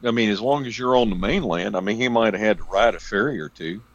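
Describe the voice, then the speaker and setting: A man's voice: on the low side, fast talker, no room sound, lo-fi sound. A man with a Southern American accent co-hosting a podcast in casual chat, wisecracking and dropping short acknowledgments. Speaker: podcast co-host.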